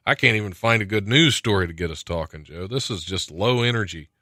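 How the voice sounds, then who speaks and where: Here an American man, roughly forty, hosts his podcast in a small studio, reading quirky news and poking fun at himself in a relaxed, chatty way. His lowish voice has lively intonation, a sharp tone and a moderate pace. A close studio microphone on a stand yields clean sound with no room tone.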